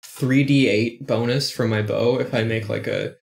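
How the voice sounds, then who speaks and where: A man playing a tabletop role-playing game, describing his character's attacks hesitantly with many pauses. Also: mid-range voice, fairly even intonation, creaky, echoey room. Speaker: player. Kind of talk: casual tabletop play.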